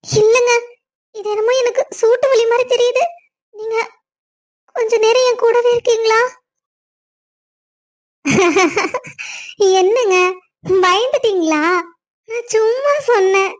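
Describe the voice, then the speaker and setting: A woman's voice: extremely high pitch, slow pace, long pauses. A woman voicing a playful, teasing young wife in a cartoon story, coaxing and affectionate. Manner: teasing, sing-song, coaxing. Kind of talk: cartoon voice acting.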